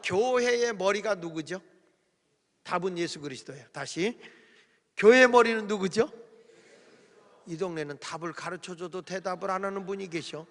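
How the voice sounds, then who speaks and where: A man's voice: high-pitched, moderate pace, long reverb tail. A man preaching a folksy, humorous revival sermon in a church sanctuary, calling on the congregation to repeat after him.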